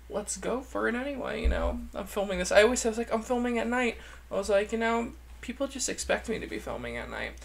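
A campy drag queen, a man with a fairly high voice full of vocal fry. He chats casually through a product review and gushes as he goes. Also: fairly bright tone. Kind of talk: casual chatty video review. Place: indoor room, seated at a desk.

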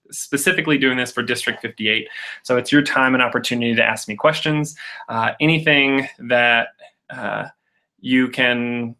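A man's voice: medium pitch, sharp tone. A young adult man hosting a live Q&A webinar on a video call, chatty and upbeat, telling stories with many filler uhs. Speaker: public speaking coach hosting a Q&A. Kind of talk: casual live webinar talk and storytelling. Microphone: webcam on a video call.

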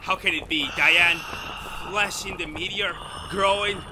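Voicing a skeptical, excitable scientist for an old-style radio play, this man pitches his voice high and delivers melodramatic, stop-start lines with mounting amazement and agitated wonder. There is background noise in the recording.

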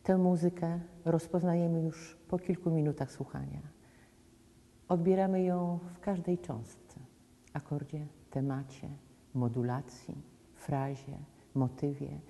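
An older woman with a low, deep and very mellow voice presents a concert in slow, measured, emphatic phrases. Her speech carries a long reverb from the room around her. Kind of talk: measured spoken invitation to a concert. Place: indoors, room with framed portraits on the wall. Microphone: camera in front, head and shoulders framing.

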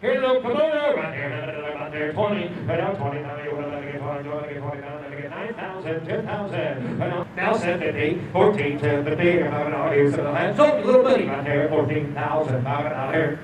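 Man, auctioneer, bright high register, quick repeating bid chant, far off in a loud crowd. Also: lively intonation. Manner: rapid repeating bid calls. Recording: distant echoey crowded auction.

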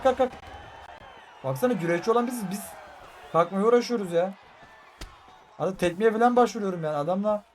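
A young man with a high-pitched voice narrates a fighting game as he plays it, veering between tense muttering and sudden frustrated shouts. A faint crowd and game noise sit behind him. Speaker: gaming streamer. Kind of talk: live gameplay commentary.

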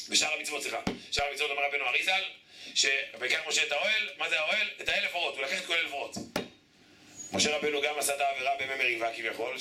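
A man preaching a sermon as a rabbi, firing repeated rhetorical questions at his congregation. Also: mid-range voice. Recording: echoey room, distant mic, background noise.

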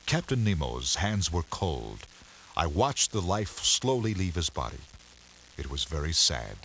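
A man giving measured, scripted storybook narration for an educational game. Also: deep voice, big pitch swings, fairly bright tone, slight background noise, full character voice.

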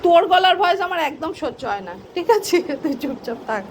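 A woman's voice: extremely high pitch, animated, fast, background noise. A woman at home, fussing fondly over her pet dog and scolding her child. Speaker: pet owner and mother. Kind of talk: casual home video chat. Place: indoors at home.

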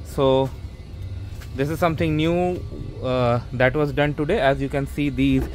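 A man's voice: medium pitch, fairly even intonation, unhurried, a little mellow. A man casually narrating a walkthrough of his basement renovation, rambling with many fillers and restarts, filmed on a handheld camera. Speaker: homeowner vlogger. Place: unfinished basement, later outdoors in a stairwell. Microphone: handheld or body camera, first-person view.

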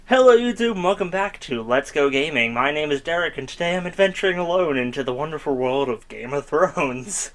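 A man's voice: a little high, animated, a little fast, hardly any pauses, a bit bright. A young man casually chatting as he plays a story game, rambling and self-mocking, often laughing at himself. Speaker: gaming YouTuber. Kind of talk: casual let's-play commentary.

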